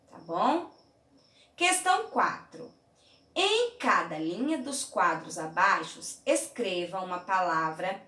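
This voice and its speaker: A woman teaching young children in a remote lesson, from Brazil, patient and clear, often checking in with "tá?" and "certinho?". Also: medium pitch, fairly bright tone, far from the mic. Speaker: primary school teacher. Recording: roomy echo, mic held away.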